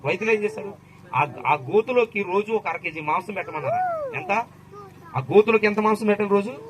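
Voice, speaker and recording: A man's voice: high voice, wildly swooping pitch, fairly quick, poor audio. A man from Andhra Pradesh preaching an impassioned sermon, firing rhetorical questions at the crowd and calling out hallelujah. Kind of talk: fervent sermon.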